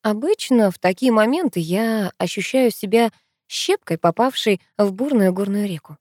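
A woman's voice: mid-range voice, animated, normal speed, a little mellow, no echo. Woman narrating an audiobook, dry and close. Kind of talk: first-person scripted narration.

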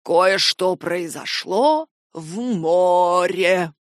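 A grim, rain-soaked nobleman with a hoarse, rasping voice, as a woman puts him on speaks low and slowly, stumbling over heavy, halting phrases. It sounds like an audiobook character voice in a dry, close recording. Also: dry recording. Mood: grave. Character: grim, shaken nobleman drenched by the storm.

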